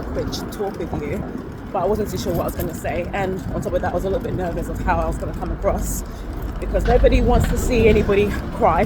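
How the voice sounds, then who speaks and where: This is a casual walking vlog recorded on a phone held close to the speaker's face on a city street, with traffic and street noise behind her. The woman, medium-pitched, talks candidly and meanderingly, fixing her own words with small laughs.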